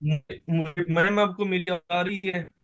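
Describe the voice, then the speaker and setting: A man's voice: high voice, steady tone, a bit bright, clean tone, no room sound. A male student on a video call asking a question in an online class, his audio choppy and cutting out so his phrases break off. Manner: halting, broken-off phrases. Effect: choppy internet call audio that keeps cutting out.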